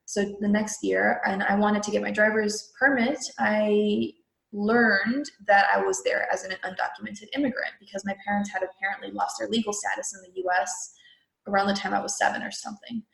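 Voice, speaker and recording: Gravelly-voiced woman in an echoey room. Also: mid-range voice, steady tone, normal speed, a bit bright. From Peru. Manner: chatty, frequent fillers like "like" and "you know". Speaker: guest. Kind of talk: casual interview talk.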